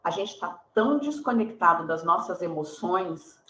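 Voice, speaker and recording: A woman host and fellow clinician speaking in a measured, reflective way over a video call. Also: on the low side, lively intonation. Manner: measured, reflective, builds on the guest's points. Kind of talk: reflective conversation in an online talk. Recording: echoey room, faint background noise.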